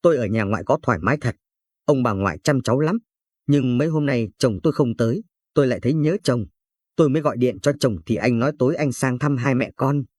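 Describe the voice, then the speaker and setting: A man narrating a spoken story with an even, steady reading. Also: medium pitch, fast, no echo, clean studio sound. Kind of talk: read-aloud story narration.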